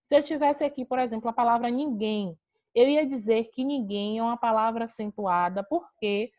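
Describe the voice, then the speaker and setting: A woman from Brazil teaches a grammar lesson online, her voice sitting a little high. She explains each rule patiently, posing a question and then answering it herself. The sound is that of a video call. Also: moderate pace, a little mellow, highs cut off.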